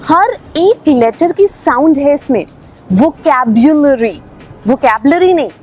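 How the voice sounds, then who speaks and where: A woman gives a scripted pronunciation lesson. She speaks high and unhurried, spelling each word out before saying it carefully. Faint music plays under her voice. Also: expressive, darkish tone. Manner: spells words letter by letter, then says them slowly. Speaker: English pronunciation teacher.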